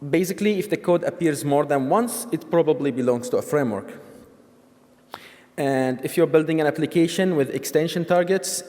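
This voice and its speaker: A man's voice: medium pitch, a little mellow. Man from Syria, conference speaker, explanatory, frequent ums and restarts, big reverberant hall. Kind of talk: technical conference talk.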